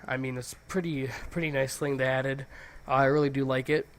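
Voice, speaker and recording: A man's voice: mid-range voice, flat delivery, brisk. Congested man giving a casual tutorial. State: congested, stuffy nose from a cold. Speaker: tutorial host. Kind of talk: casual software tutorial, screen walkthrough.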